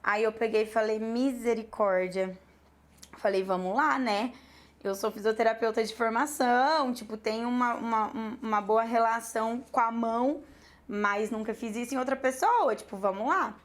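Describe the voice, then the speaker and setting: Lively Brazilian woman telling a story. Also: fairly high pitch, normal speed. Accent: Brazilian Portuguese. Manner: lively, animated retelling with quoted dialogue and laughs. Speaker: makeup artist. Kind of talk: storytelling to online students.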